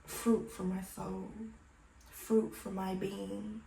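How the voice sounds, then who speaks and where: Extremely slow and mellow, with a mid-range voice and level tone, this vlogger has a slightly raspy morning rasp as she chats to viewers in a casual, rambling sip-and-chat video. Her talk is playful and slangy, with some swearing and emphatic catchphrases, recorded indoors at home with a roomy echo.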